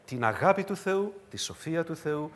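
Dramatic high-voiced preacher. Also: male voice, expressive. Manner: dramatic, swings from loud cries to hushed low phrases; repetitive, emphatic rhetorical questions. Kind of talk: sermon.

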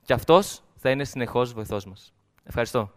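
Man, church speaker, smooth resonant voice, earnest closing exhortation, hall echo. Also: mid-range voice, expressive. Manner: earnest, listing in repeated phrases. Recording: long hall reverb.

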